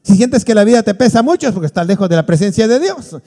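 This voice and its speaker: High-voiced preaching pastor in a reverberant hall. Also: male voice, fast. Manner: animated preaching with acted-out quotes. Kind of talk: sermon. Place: church hall. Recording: long church reverb.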